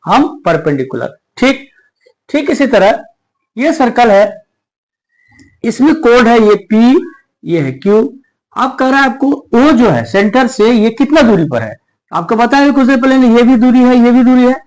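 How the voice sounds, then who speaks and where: Lively high-voiced man teaching maths. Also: unhurried, low-quality recording. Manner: explains step by step, asks the class questions. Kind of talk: whiteboard maths lesson.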